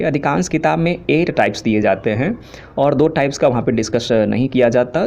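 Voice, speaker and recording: Hindi-speaking English teacher listing grammar terms. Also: male voice, medium pitch, dark tone. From India. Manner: lists terms steadily, explains in simple asides. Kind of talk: classroom lecture. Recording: dull lo-fi recording with faint hiss.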